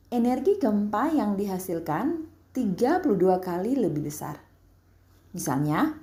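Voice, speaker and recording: A woman teacher explaining a science lesson to her pupils, calm and explanatory, with a North Sulawesi accent. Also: mid-range voice, roomy sound. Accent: Indonesian, North Sulawesi.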